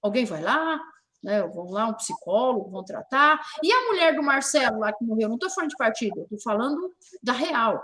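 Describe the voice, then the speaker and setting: A woman's voice: a little high, sing-song, brisk, a bit bright. A woman from Brazil hosting a talk show, speaking emphatically, repeating key words and firing rhetorical questions. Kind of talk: opinionated talk show discussion.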